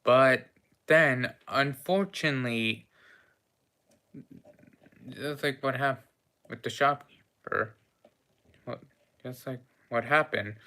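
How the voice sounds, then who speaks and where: A man doing a fussy cafe owner, long-winded, gasping, bright voice, slow drawn-out delivery, tabletop game. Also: mid-range voice. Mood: flustered. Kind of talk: role-play voice in a tabletop game.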